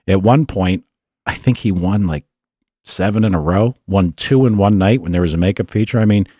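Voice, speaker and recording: A man with a fairly low voice tells a long story in a relaxed, chatty way. He gets animated and jumps higher when he acts out what other people said. The sound is dry and close, with no room echo. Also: normal speed. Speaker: podcast guest. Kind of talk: casual storytelling.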